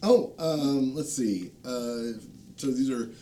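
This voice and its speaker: A mellow-voiced man, a game designer joining a panel as a guest, talks casually about video channels he recommends. He hesitates often, with plenty of ums and long pauses, while soft music plays and a low rumble sits in the background.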